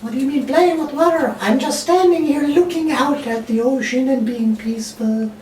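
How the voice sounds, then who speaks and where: A woman voicing an excitable, easily exasperated female sock puppet in an amateur comic skit, with theatrical sighs. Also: high-pitched, normal speed, close to an everyday voice. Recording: echoey room, distant mic, faint noise.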